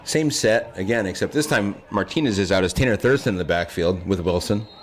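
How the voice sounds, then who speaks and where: Low-voiced man calling live football. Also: fairly quick. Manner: conversational, corrects himself aloud. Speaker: play-by-play football announcer. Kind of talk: live high school football play-by-play commentary. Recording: noisy live outdoor field broadcast.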